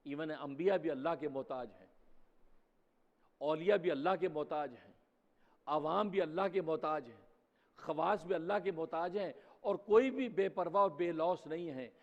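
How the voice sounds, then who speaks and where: A man preaching a Friday sermon in a mosque, speaking emphatically and posing rhetorical questions. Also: a little high. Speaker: preacher, mufti. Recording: dull sound with long hall reverb.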